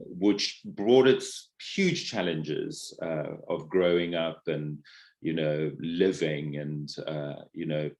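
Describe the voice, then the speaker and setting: A middle-aged South African man, a guest on a podcast, reflects on his life in casual interview conversation, with many fillers and restarts. His bass voice is a little mellow.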